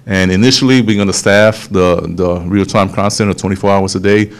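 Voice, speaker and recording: A man, a police official explaining a program to a town hall meeting, steady and explanatory, often restarting phrases. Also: low-pitched, brisk, clear, resonant tone. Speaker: police official presenting to city council.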